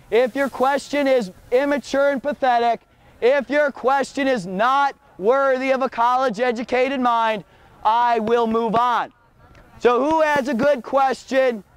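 Guy with a really high smooth voice preaching on a campus outdoors, loud and confrontational. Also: no echo. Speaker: street preacher. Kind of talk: open-air street preaching.

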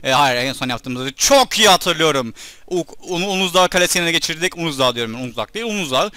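A man doing casual let's-play commentary with a Turkish accent, excitable and shouting at enemies during battles. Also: a little high, a little fast, dry recording. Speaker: gaming YouTuber.

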